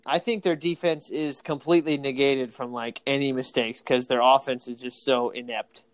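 Excitable man chatting sports podcast. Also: mid-range voice, normal speed, smooth, no room sound. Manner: excitable, laughs often, acts out quoted exchanges. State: tired, yawning. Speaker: podcast co-host. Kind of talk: casual sports podcast chat.

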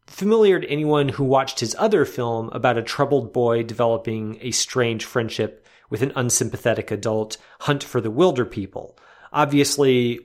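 A man hosting a film podcast, reading a measured, articulate review with the odd restart. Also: mid-range voice. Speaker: podcast host.

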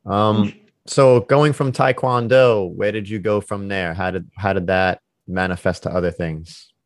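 Low, dry-sounding man co-hosting an interview. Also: steady tone, unhurried, dry recording. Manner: informal, conversational. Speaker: interview co-host. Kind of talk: casual interview conversation.

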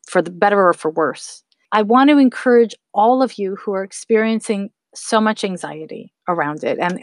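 A podcast host in her thirties speaks in a lowish voice, sharing laid-back spiritual guidance and cheering on her listeners, whom she addresses as her loves. It's a dry, close recording without any room sound.

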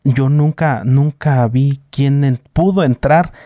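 Mexican man, twenties, mellow low-toned voice, dry close sound, rambling storyteller with lots of "este". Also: slow, no echo. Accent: Mexican Spanish. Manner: many fillers, vivid retelling. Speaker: guest. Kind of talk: casual storytelling.

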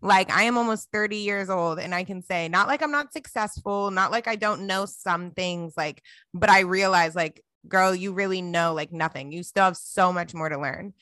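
A woman in her late twenties hosting a casual chat, talking in an animated, slangy and emphatic way. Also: lowish voice, normal speed, few pauses, dry recording. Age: 20s.

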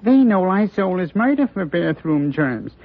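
A cute little germ with a creaky, plaintive voice, full of self-pity. It confides its woes in comic radio-commercial style. The recording is old and dull. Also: female voice, on the low side, big pitch swings, a little slow, full character voice. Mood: sorry for itself. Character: self-pitying bathroom germ with inferiority complex.

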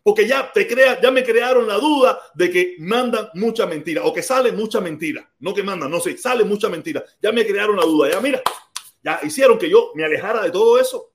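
A man's voice: high voice, expressive, fairly quick. A Cuban man hosting a live podcast, arguing heatedly, repeating himself and talking over his guest. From Cuba. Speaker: podcast host.

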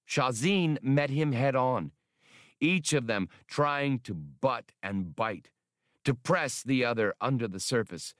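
Here the same kind of male narrator delivers adventure fiction with drama, slow and deliberate, his mid-range pitch moving expressively up and down. The audio is dry and free of any room sound.

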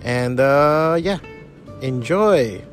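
A man's voice: mid-range voice, lively intonation, very slow, soft background music. A man speaking casually as a podcast host, giving an informal introduction.

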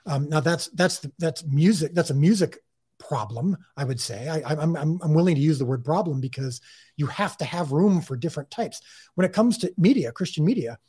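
A man with a husky, slightly high voice talks earnestly as an interview guest. He often restarts and repeats words mid-thought. His tone is casual but careful. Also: darkish tone. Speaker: creator of a faith-based TV series, interview guest.

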